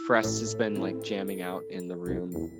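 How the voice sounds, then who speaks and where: A man's voice: deep voice, steady tone, normal speed, gravelly. A man casually improvising his character's actions as a player in a tabletop game. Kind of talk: casual improvised role-play chat. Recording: loud music behind.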